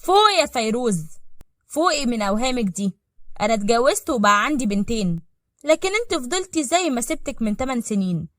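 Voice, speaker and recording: A proud, vengeful rich man with an Egyptian accent speaks in cold, commanding tones, as a woman reads him. The delivery is fast, with a dry close sound. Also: fairly high pitch, sing-song, a bit bright, no echo.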